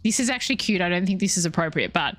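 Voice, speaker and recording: A woman's voice: on the low side, lively intonation, very fast, a bit bright. A young woman chatting casually while streaming a game, rambling and breaking off mid-thought. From Australia. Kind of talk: casual chat while gaming live.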